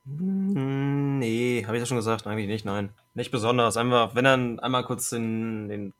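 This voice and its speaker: A man's voice: mid-range voice, moderate pace, fairly bright tone. A man in a casual podcast chat, laid-back and offhand, often laughing with his friends. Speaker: podcast co-host.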